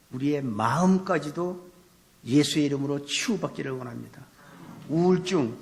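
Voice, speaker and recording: A male pastor giving an animated sermon, asking rhetorical questions and raising his voice for emphasis. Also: on the high side. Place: church sanctuary. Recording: long reverb of a church hall.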